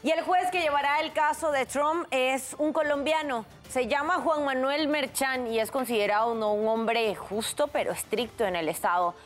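Woman co-anchor, slightly high voice, news delivery over a light music bed. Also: normal speed, few pauses. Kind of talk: news reading with some casual banter.

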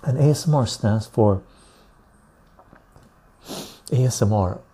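A man hosting a casual live stream into a clip-on lapel mic, chatting to viewers in a chill, husky, gravelly voice. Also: medium pitch, warm tone. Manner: chill, unhurried talk addressed to viewers. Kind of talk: casual livestream chat.

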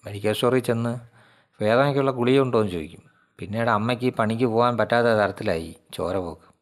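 A man narrating a story in a measured way, with slow dramatic pauses. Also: medium pitch.

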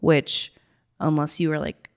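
A woman with a gravelly, tired morning voice, talking informally and ramblingly to listeners like a business coach. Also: low voice, little pitch movement, a little slow. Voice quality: gravelly, raspy. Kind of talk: casual solo talk to listeners.

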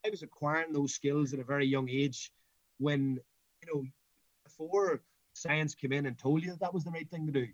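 A man's voice: mid-range voice, no room sound, highs cut off. A middle-aged man with a Northern Irish accent, talking anecdotally in an interview as a coach, emphatic and given to repeating his phrases. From Northern Ireland. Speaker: school football coach.

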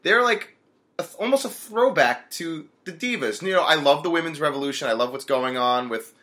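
A man's voice: a little high, lively intonation, brisk, sharp tone. A man on a casual podcast panel, giving his views thoughtfully with small restarts.

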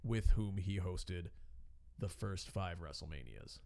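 A man's voice: low-pitched, slow, a little mellow. A man in his thirties co-hosting a casual chat, telling a story with frequent laughs and putting on voices for the people he quotes. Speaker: podcast co-host telling a wrestling story.

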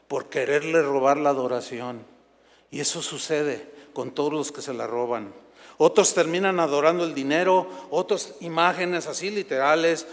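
A man from Mexico preaching a Sunday sermon as pastor, animated and acting out scenes from scripture in quoted voices. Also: on the high side, in a large hall. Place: church sanctuary.

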